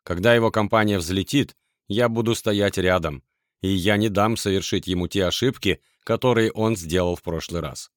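A man with a very deep, low voice narrates a first-person tale in a steady, measured storytelling manner. The sound is dry and close, with no room around it, as from a studio booth. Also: no echo.

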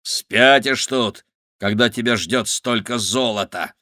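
A man's voice: mid-range voice, sing-song, slow, bright, forceful tone, no echo, studio quality, exaggerated voice. A man voicing a hot-tempered adult male pyrotechnician villain who barks furious threats.

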